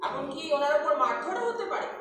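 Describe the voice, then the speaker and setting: A stern, admonishing police officer, played by a woman on a theatre stage, her high voice ringing through a big reverberant hall. She sounds distant from the mic, and music plays underneath. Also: very animated, a little fast, noisy background. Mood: lecturing. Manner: firm, admonishing, mixing in English phrases. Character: stern female police officer, lecturing calmly. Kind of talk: stage play acting.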